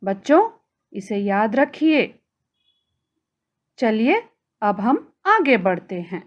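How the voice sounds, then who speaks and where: Female teacher, slightly high voice, careful lesson delivery for kids. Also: big pitch swings, dull audio. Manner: slow, careful, addresses children directly. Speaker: Hindi teacher. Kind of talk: recorded grammar lesson for children.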